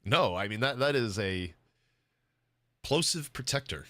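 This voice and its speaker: A man co-casting an esports stream in casual chat, joking and telling animated stories. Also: mid-range voice, a little slow, no room sound.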